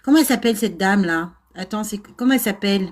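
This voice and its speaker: This medium-pitched, quick-talking woman is a middle-aged nursing-assistant VAE coach livestreaming casually from an old house lacking air conditioning. She's chatty and self-mocking with viewers, laughing a lot and hesitating often.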